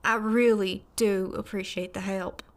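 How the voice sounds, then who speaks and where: A woman's voice: medium pitch, steady tone, unhurried, close to an everyday voice. An actress playing a chatty, sweet young woman ghost in an audio drama. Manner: bubbly, folksy, chatty.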